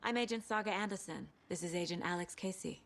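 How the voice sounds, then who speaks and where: Female investigator for a narrative game, composed and courteous; slightly low register. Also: fast talker, fairly bright tone. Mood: calm, professional. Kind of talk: video game voice acting. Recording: faint background ambience noise.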